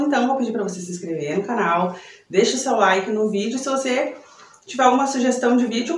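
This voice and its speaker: A young woman from Brazil teaching a Spanish pronunciation lesson in a chatty way, checking in with her students after every point. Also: medium pitch. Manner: chatty, tag questions after each point. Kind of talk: online language lesson. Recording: echoey room.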